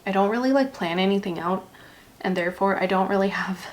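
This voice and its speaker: A YouTube vlogger talks a little fast in a medium-pitched voice as she goes through ink swatches. Her rambling is casual yet slightly self-conscious, and she lisps a bit because of her retainer.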